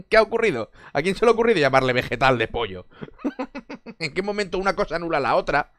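A man's voice: sits high, sing-song, moderate pace, a bit bright, dry recording. A man from Spain is chatting on a live stream, reading and answering his chat. He is sarcastic and jokey, laughs a lot and swears freely. His voice swings up and down, and the close mic sounds dry with no room around it.

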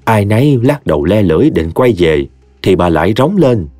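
A man with a Mekong Delta Vietnamese accent tells a funny story, his lowish, husky voice rising and falling with life. He sounds close and dry, with soft music running underneath. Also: sing-song, normal speed, dry recording. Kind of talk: humorous story narration.

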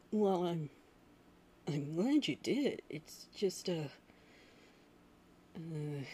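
A woman voicing a shy, flustered young male cartoon hedgehog hero in love, husky and hesitant, in an intimate ASMR roleplay. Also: sits low, dark tone, slight background noise, heavily acted. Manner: hesitant, stammering, bashful.

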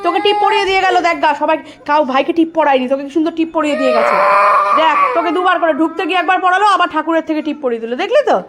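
A mother talks to her child at home in a very high, quick voice, coaxing him over and over in sing-song baby talk. A lot of loud background noise runs under the home video. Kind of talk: casual family vlog, soothing a crying child. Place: family home.

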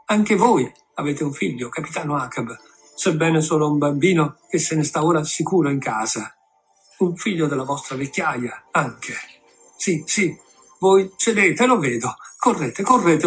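A man's voice: fairly high pitch, animated, moderate pace, faint music behind. A man playing a desperate pleading captain. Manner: pleading, emotional. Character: desperate pleading male ship captain, father.

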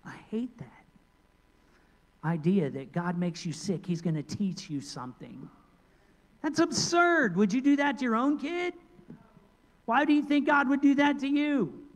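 Middle-aged male pastor, high voice, lively sermon delivery, handheld mic, long church echo. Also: unhurried, long pauses. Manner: lively preaching, jumps between loud emphasis and quiet asides. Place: large church sanctuary. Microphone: handheld microphone.

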